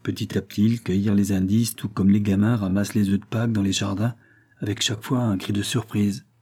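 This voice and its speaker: A man narrating a crime novel as an audiobook, with steady storytelling. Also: lowish voice, a little fast, breathy edge.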